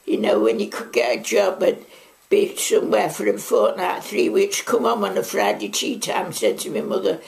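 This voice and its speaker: Chatting through her wartime memories, a Mancunian woman in her nineties from Manchester, England, gives an oral history interview in her living room, wandering off into frequent asides. Her voice is medium-pitched and a little mellow, with vocal fry, and she speaks at a normal speed.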